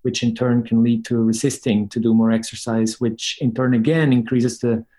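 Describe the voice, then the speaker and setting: On a podcast, a Swiss man who co-founded a company gives methodical, conversational answers. His warm, mid-range voice holds fairly level pitch at a moderate pace.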